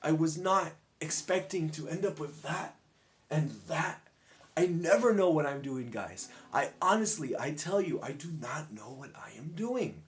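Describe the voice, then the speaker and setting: A man in his twenties, a live streamer, chatting casually and rambling to his viewers in an upbeat way, often dropping to a soft near-whisper. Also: a little high. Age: 20s.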